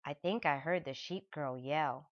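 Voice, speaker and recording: A scheming male art thief, read by a woman, speaking low and hushed with a slow drawl. The storybook reading is on a dull, lo-fi recording.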